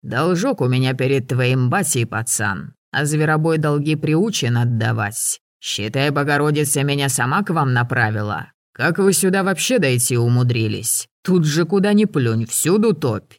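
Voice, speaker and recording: A man voicing a gruff, sardonic old hunter who barks orders and teases. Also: mid-range voice, animated, moderate pace, dry recording, clean studio sound, natural voice. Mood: gruff mocking.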